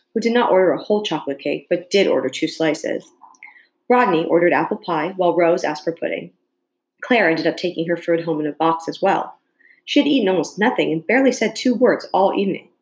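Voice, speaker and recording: A woman narrates an audiobook in calm, measured first person. Her voice sits low, and the reading rings in an echoey room. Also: vocal fry.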